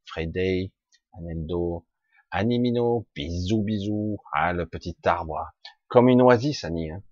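A man's voice: deep voice, husky, no room sound, lo-fi sound. A man hosting a live stream, chatting casually and greeting his viewers by name, with frequent hesitations.

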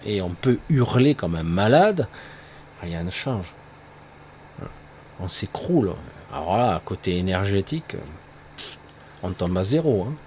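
A man with a lowish voice talks through a casual spiritual monologue. He rambles and circles back, filling gaps with little tag words. A faint hum of noise sits behind him. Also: sing-song, unhurried, pauses often, darkish tone. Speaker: spiritual speaker.

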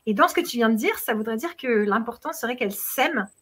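Cast note: woman host, slightly high, husky voice, reads viewer comments aloud. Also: expressive, a little fast, fairly bright tone. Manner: short affirmations, reads messages aloud. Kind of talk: live talk hosting.

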